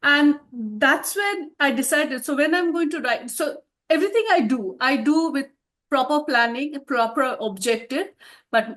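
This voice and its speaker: A woman in her fifties, an author, answers interview questions reflectively and laughs often. Her voice is high with a fairly bright tone.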